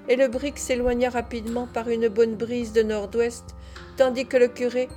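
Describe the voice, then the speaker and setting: Mellow-toned woman reading an audiobook. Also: a little high. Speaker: audiobook reader. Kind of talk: scripted narration of a classic novel.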